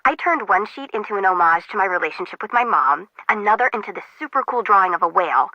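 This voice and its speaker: Quick and expressive at a medium pitch, this woman's voice sounds close to everyday speech and is recorded dry. She plays a chatty young adult harbor intern in a game, a quirky character who rambles and mocks herself, all with a muffled, lo-fi quality.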